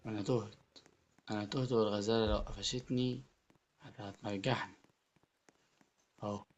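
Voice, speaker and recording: An excitable man with an Egyptian Arabic accent talks his way through a video game, doubling up words as he reacts. His voice sits fairly low, with a faint hiss of noise underneath. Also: normal speed, lo-fi sound. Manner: excitable, repeats words and phrases. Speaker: gaming YouTuber. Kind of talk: Let's Play commentary.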